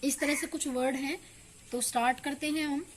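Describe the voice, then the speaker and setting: High-voiced Indian woman teaching English. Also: fairly even intonation, moderate pace, noisy background. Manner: patient, keeps asking "clear?" to check understanding. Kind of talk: online spoken-English lesson.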